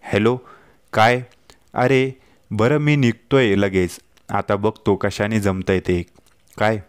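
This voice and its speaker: A man's voice: fairly low pitch, steady tone, slow, smooth, dry recording, studio quality. A man voicing a joking, loving young husband in a told story, light and reassuring. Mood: jokey. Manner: jokey, reassuring. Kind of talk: storytelling dialogue.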